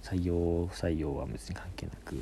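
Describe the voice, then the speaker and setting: Young guy chatting solo, low gravelly voice, drops to a whisper a lot, bit of faint hiss behind. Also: steady tone, normal speed, mellow. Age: young adult. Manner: rambling storytelling with many whispered asides. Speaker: podcast host. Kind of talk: casual solo talk.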